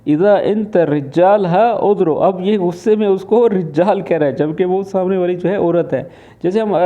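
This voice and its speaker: A man from Pakistan teaching, patiently explaining and translating spoken phrases. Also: sits high. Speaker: Arabic teacher. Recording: phone-like lo-fi voice.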